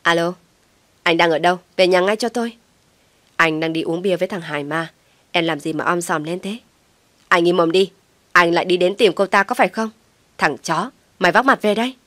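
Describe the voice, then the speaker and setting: A jealous young wife in an audio story, voiced by a woman screams and curses. The voice sits a little low and sounds dry and close. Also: fairly even intonation, brisk, fairly bright tone, dry recording. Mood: furious. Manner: screaming, cursing. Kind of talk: storybook narration with acted voices.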